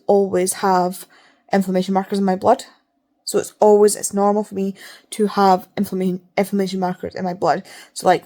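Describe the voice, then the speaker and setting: A woman who vlogs about reading chats casually to the camera, barely opening her mouth, rambling and repeating herself for emphasis. Her voice is medium-pitched and warm.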